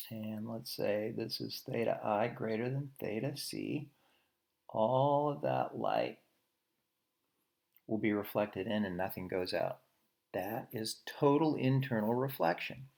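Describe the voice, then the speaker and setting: Male physics teacher, mid-pitched, gravelly, chatty lecturing with frequent "okay"s and quick self-corrections. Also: darkish tone. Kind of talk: recorded physics lecture while drawing diagrams.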